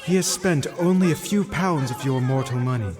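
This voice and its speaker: A man's voice: mid-range voice, crowd noise, lightly acted. A man playing a solemn, probing ghost. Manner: calm, probing, measured. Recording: live hall with reverb and audience.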